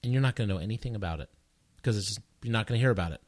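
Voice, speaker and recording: A middle-aged man co-hosting a podcast in a casual, conversational way, with an animated, joking, playful manner. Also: on the low side, racing, no echo. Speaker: podcast co-host.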